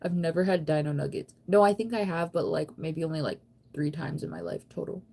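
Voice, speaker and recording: This American live streamer in her thirties has a deep, mellow voice with vocal fry and a breathy edge, and she talks fairly quickly. Late at night she chats casually, reading and answering her viewers' comments. She rambles conversationally with a playful, self-teasing touch.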